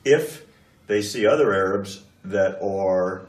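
Male political interviewer, low register, measured and piecemeal phrasing, picked up from a distance. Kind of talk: political interview, probing questions. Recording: echoey room, distant mic.

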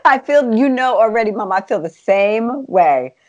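A woman, a guest coach, answering interview questions in measured, affirming declarations. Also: a little high, expressive, darkish tone, highs cut off.

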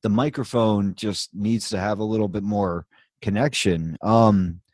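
A man's voice: fairly low pitch, fairly even intonation, a little slow, darkish tone, no echo, clean studio sound. A man hosting a live show in casual chat, rambling along with easygoing asides. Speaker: host.

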